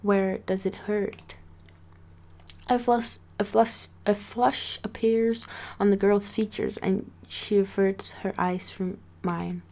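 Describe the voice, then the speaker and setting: A woman reads a first-person story aloud in an amateur way, tripping over words and restarting them. She breaks in with casual asides, and her voice sits at a middle pitch. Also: little pitch movement, takes it slowly, creaky, a little mellow. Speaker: story reader.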